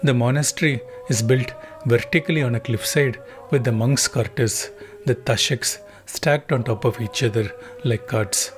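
Calm male documentary narrator over music. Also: medium pitch, moderate pace. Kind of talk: scripted narration.

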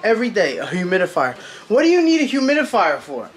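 A man's voice: high voice, wildly swooping pitch, fast. A man in his thirties chatting casually to a handheld camera at home, rambling and teasing, swearing often. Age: 30s. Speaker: family vlogger. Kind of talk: casual vlog chat. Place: home kitchen and bedroom, indoors. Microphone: handheld camera at arm's length. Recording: noisy home camera audio.

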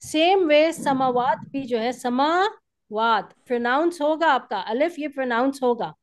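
A woman teaches a grammar class over a video call. She explains patiently, point by point, and keeps checking that her students are following. Her voice sits high. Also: expressive, a little slow. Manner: patient, explains step by step with frequent "theek hai?".

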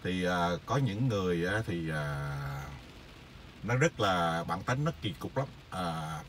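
Low-voiced man, rambling. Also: expressive, a bit bright, slight background noise. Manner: rambling, many filler pauses. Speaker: vlogger sharing stories. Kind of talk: casual storytelling monologue.

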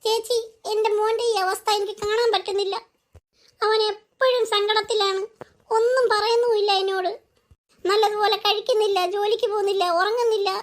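A woman's voice: very high voice, steady tone, a little fast. A woman voicing a remorseful older mother-in-law in a cartoon, lamenting with repeated cries of dismay. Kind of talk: cartoon voice acting.

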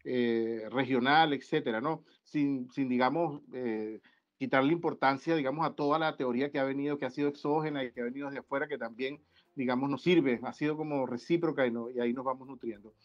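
A man from Venezuela, a guest researcher on an academic video-call panel, talking in a halting way with many restarts and fillers. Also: medium pitch. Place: indoor room. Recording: dull lo-fi video-call audio.

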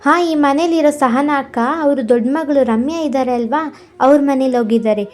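A woman voicing a chatty female neighbor in a cartoon story, quick and gossipy. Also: high voice, a little mellow, soft background music, lightly acted.

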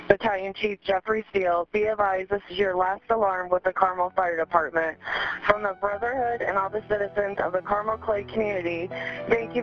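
A woman dispatcher delivers an official last-alarm call in a measured, formal cadence, heard over a radio dispatch broadcast. The sound is dull and lo-fi, with clear music playing beneath her. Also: mid-range voice. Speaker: emergency dispatcher.

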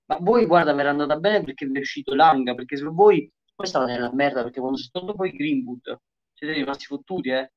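A man chatting casually about football with a friend, quick and argumentative. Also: on the high side. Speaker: friend in the room. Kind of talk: casual chat. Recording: dull lo-fi sound from off-mic.

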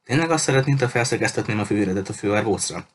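A man's voice: on the low side, lively intonation, slight background noise, lightly acted. Captain Spencer, a man voicing a menacing pirate captain. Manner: threatening, mocking, coldly polite. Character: cruel menacing male pirate captain, adult. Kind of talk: audiobook character reading.

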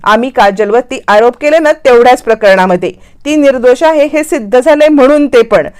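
A woman's voice: high-pitched, a little fast, a little mellow, smooth, close to an everyday voice. A woman voicing a proud, defiant woman with attitude, talking in a haughty, firm way.

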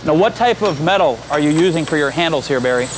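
A man's voice: on the high side, animated, fast talker. A man interviewing a factory guide on a tour, asking short, curious follow-up questions. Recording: loud factory noise.

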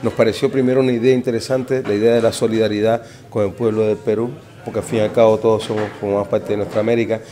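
A man's voice: lowish voice, little pitch movement, quick pace, hardly any pauses, warm tone. A man from Cuba with a Cuban Spanish accent, a singer-songwriter interviewed in a small café venue, talking in a chatty, easygoing way into a handheld mic. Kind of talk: casual interview.

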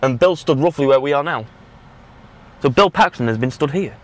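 This young UK man has a mid-range voice and talks expressively and briskly in a casual vlog. He's in a moving or parked car on a road trip, captured by a dashboard action camera that also picks up car and road noise.

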